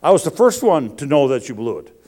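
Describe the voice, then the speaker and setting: A man's voice: mid-range voice, sing-song, a little fast, warm tone, pitched below the performer's own voice. A man voicing an amused, forgiving male Lord, chuckling and reassuring, within a sermon.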